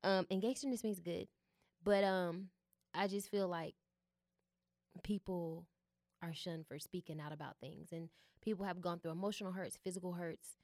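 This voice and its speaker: A young woman, an artist and founder, is a guest in a relaxed studio interview, speaking at a normal speed with a lowish voice. She's candid and uses many fillers, sometimes leaving long pauses. The recording is dry.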